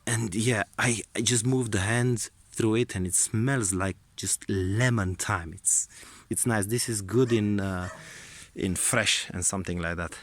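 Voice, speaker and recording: Low-voiced man rambling through a garden tour. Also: fairly even intonation, measured pace, no room sound. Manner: rambling, hesitant, repeats words. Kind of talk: casual unscripted vlog narration. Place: outdoor garden. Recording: clear background noise outdoors.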